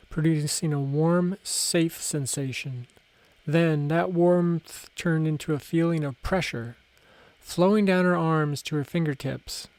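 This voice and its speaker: A male narrator reads a fantasy audiobook at a measured, unhurried pace. His voice sits a little high for a man. The recording is close and dry, with no room echo.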